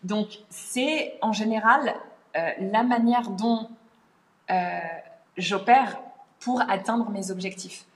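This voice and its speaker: A woman's voice: medium pitch, takes it slowly, echoey room. A woman language teacher, a podcast guest, talking animatedly in casual conversation and thinking aloud with many fillers.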